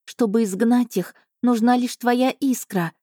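Woman voicing a slow, pleading island spirit. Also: a little high, warm tone, no room sound, clean studio sound, voice pushed up. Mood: tearful imploring. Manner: slow, solemn, imploring. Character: ancient female island spirit, pleading, gentle yet sorrowful. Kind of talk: audiobook reading.

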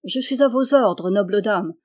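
A reader voicing a stern, loyal man-at-arms who calls out commands loudly while training a young knight. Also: medium pitch, moderate pace, close to an everyday voice. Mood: respectful.

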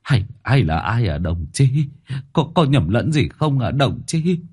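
A man's voice: on the low side, big pitch swings, normal speed, a little mellow, husky. A man doing a stammering anxious middle-aged father. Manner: stammering, tearful pleading.

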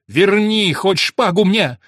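A man's voice: animated, slow, fairly bright tone, no echo, clean studio sound, exaggerated voice. A man voicing a panicked cornered nobleman. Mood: desperate. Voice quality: shrill when crying out. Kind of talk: dramatic verse reading.

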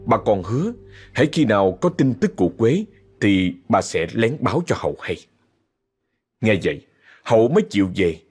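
A man narrating a ghost story in a dramatic, expressive way. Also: lowish voice, moderate pace, husky, soft background music.

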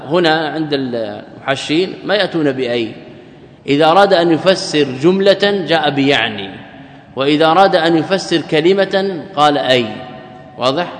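Arabic lecturer in an echoey hall. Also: male voice, a little high, fairly bright tone. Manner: explains step by step, quoting then glossing, asks and answers his own questions. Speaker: Islamic scholar teaching a text.

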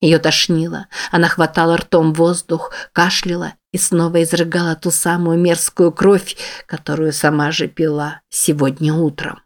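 Woman reading low and steady. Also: normal speed. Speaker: audiobook reader. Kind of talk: scripted narration.

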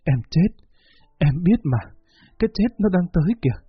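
A man's voice: high voice, expressive, moderate pace, breathy edge, no room sound, voice pushed up, full character voice. A man voicing a sick young woman who is desperate yet resolute, speaking earnestly. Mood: feverish. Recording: dull lo-fi recording with faint music.

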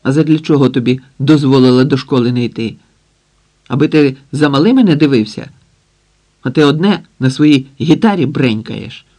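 A man's voice: mid-range voice, normal speed, mellow, lightly acted. A man voicing a stern, dry-witted mother of a big family, curt and sarcastic as she scolds.

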